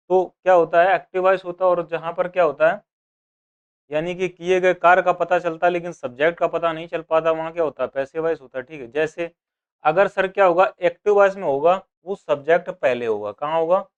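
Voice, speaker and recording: Male exam tutor, smooth resonant voice, slightly high, question-and-answer teaching style. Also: dull audio. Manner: asks and answers his own questions, voicing students. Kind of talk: grammar lesson for exam prep.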